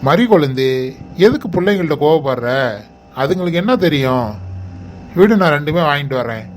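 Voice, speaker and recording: A man voicing a calm, kindly cartoon father with a Tirunelveli Tamil accent, soothing and easygoing. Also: medium pitch, a little fast, slight background noise, lightly acted.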